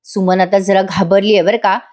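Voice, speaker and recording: A woman's voice: medium pitch, fairly even intonation, moderate pace, darkish tone. A woman narrating a voice-over recap of a TV serial, chatty and addressing viewers directly. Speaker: TV serial reviewer.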